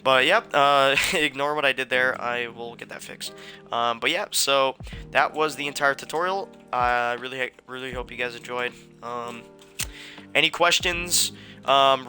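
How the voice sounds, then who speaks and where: A young man talks through a game tutorial in a loose, rambling way, full of "uh" and "like". His voice is very bright and a bit breathless, with faint guitar music underneath. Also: mid-range voice. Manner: rambling, filler-heavy, informal. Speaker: gaming tutorial creator. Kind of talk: casual screen-recorded tutorial.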